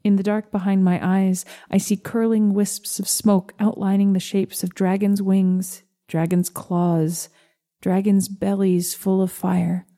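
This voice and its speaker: A woman narrating a first-person story in a slow, gentle, measured reading. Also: mid-range voice, little pitch movement.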